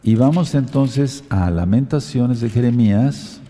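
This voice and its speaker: A man preaching a sermon, dictating letters and verse numbers slowly and urging listeners to underline passages. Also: medium pitch, warm tone, long reverb tail.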